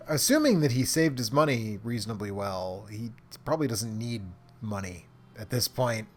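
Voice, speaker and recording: A man's voice: mid-range voice, animated, normal speed. A man co-hosting a live stream, chatting casually in a wry, self-mocking way, often trailing off mid-sentence. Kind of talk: casual chat while watching a live stream.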